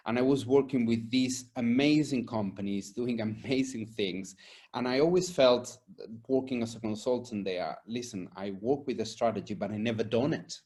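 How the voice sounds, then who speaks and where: Speaking at a moderate pace in a darkish, medium-pitched voice, an earnest man responds conversationally in an interview. He's an environmental and safety consultant from Argentina and Spain whose first language is Spanish.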